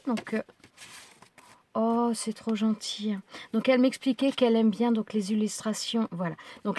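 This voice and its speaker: A woman's voice: medium pitch, darkish tone. A woman with a French accent chatting casually while unboxing crafts, hesitant with many fillers and restarts. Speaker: crafting vlogger.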